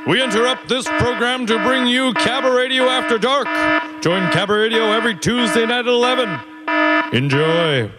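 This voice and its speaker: A man's voice: extremely high pitch, brisk, voice pushed up. A man voicing an announcer who hijacks the radio program with a broadcast interruption, in a formal announcer delivery. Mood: ominous. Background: loud music.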